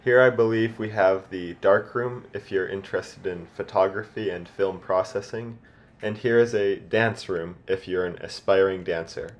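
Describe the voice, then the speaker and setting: A man's voice: low-pitched, normal speed. A young adult man narrating a guided campus tour as a student guide. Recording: clear background noise.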